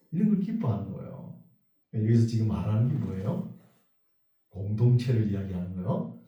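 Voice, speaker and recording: A male pastor giving a sermon in a church sanctuary. He reads scripture slowly, then speaks in a conversational, joking way. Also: lowish voice, muffled recording. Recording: very echoey hall, voice from far off.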